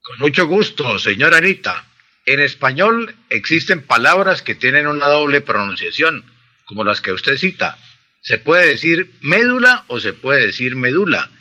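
A man's voice: mid-range voice, big pitch swings, normal speed, sharp tone, muffled recording. A man, explaining pronunciation and grammar in a precise, teacherly way on a radio language segment. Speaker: language expert answering listener questions.

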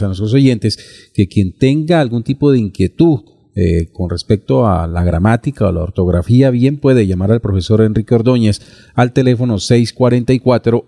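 A man's voice: fairly low pitch, creaky, warm tone, husky. A man hosting a radio segment, courteous and formal, reading listeners' questions with frequent fillers. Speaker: radio news host.

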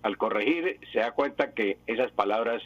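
A man with a husky voice explains spelling rules on a radio program. He talks patiently and methodically, lists examples one after another, and repeats each point. The broadcast sound is dull and lo-fi, with a dry close mic. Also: mid-range voice, expressive, normal speed, no room sound. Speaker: language expert on radio.

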